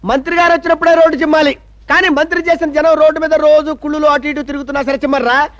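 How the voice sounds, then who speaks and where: A man's voice: extremely high pitch, fairly even intonation, racing, fairly bright tone. An actor playing a sarcastic comic man who rants and mocks officials, tossing English tags into his speech. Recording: dull lo-fi film soundtrack.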